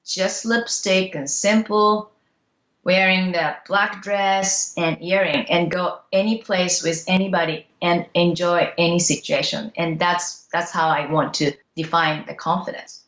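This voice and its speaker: The recording is echoey, with the highs cut off, as a middle-aged Japanese woman talks as a guest in a casual interview. Her lowish, fairly bright voice is steady and a little slow, and she speaks in simple, earnest, reflective English with a Japanese accent.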